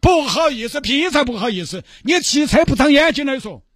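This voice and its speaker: A man's voice: extremely high pitch, lively intonation, fairly quick, fairly bright tone, dry recording, pitched above the performer's own voice. A man voicing a cranky seventy-year-old man who scolds and nags in a Sichuanese accent. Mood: angry. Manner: scolding, nagging.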